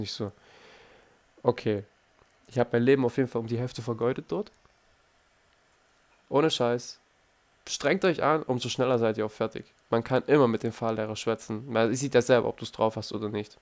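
A young man casually telling a story over gameplay, full of slang and swearing, acting out what people said. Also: mid-range voice. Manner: slangy, swears a lot, acts out quotes. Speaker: gaming YouTuber.

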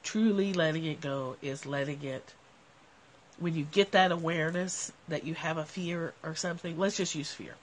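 A nasal woman with a cold hosts a livestream from a covered outdoor porch, musing in a casual, reflective talk to viewers. She speaks at a moderate pace in a deep voice and is animated, gesturing a lot. Recorded on a phone held at arm's length, the audio carries a little hiss or hum.

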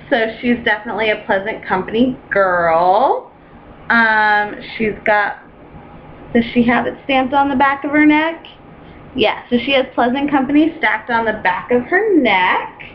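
A young woman's slightly high voice talks slowly and unhurriedly through a casual home vlog, gushing with excitement and stopping often for ums and fresh starts. The recording is dull and lo-fi, with a faint hiss behind her. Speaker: doll collector vlogger.

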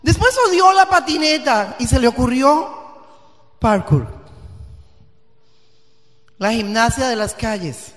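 A woman pastor preaching with passion, her voice swinging from hushed to loud and emphatic. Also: fairly high pitch, animated, slow, long pauses, in a large hall. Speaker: guest pastor. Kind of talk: sermon. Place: church.

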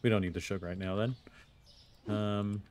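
This is a gameplay video host's casual let's play of a store management game, where he mutters his thoughts aloud in a laid-back manner. His voice is on the low side and somewhat dark, with a steady tone and a normal speed.

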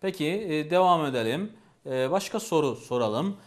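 Male teacher, patient and repetitive, voice a touch high. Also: animated, normal speed. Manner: patient, repeats each phrase and asks questions. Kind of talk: language lesson.

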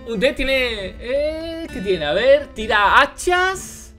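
A young man with a Spanish accent commentating a video game he is playing, casual, excitable, shouting and swearing when things go wrong. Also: very high-pitched, very slow, faint music behind. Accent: Spain. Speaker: gaming youtuber. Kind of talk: casual let's play commentary.

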